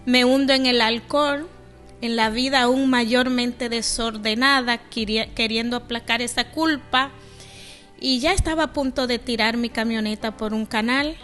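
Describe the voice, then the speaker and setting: A woman's voice: fairly high pitch, fairly even intonation, moderate pace, fairly bright tone, faint music behind. Earnest middle-aged woman from the Dominican Republic. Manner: earnest, reflective storytelling. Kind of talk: radio interview, personal testimony.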